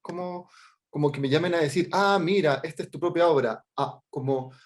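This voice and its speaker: A middle-aged man with a Chilean accent, an artist and teacher presenting his work informally over a video call, hesitant, with many fillers and frequent check-ins. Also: fairly high pitch. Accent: Chilean Spanish. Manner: halting, many fillers and restarts, keeps checking in with "¿ya?". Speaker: artist and teacher giving a workshop talk.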